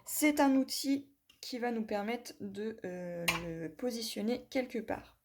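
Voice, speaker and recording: Woman, craft vlogger, hands-on tool demo, slightly high voice, unhurried, chatty step-by-step. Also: animated, background noise. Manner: chatty, talks viewers through each step with many "voilà" and "hop"; apologetic about her English pronunciation. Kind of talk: hands-on product demonstration.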